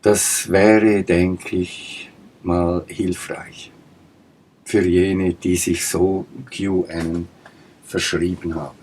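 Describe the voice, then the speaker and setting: Slow, husky man lecturing. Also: sits low, little pitch movement, darkish tone. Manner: emphatic and insistent, with rhetorical questions and pointed repetitions. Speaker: political commentator. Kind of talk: spoken political monologue.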